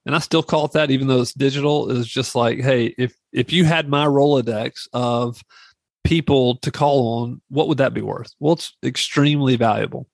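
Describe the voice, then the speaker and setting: A man's voice: medium pitch, normal speed, gravelly, dry recording. A middle-aged man hosting a podcast, giving informal advice in a rambling, repetitive monologue. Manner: rambling, repeats phrases for emphasis. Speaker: real estate investing podcast host.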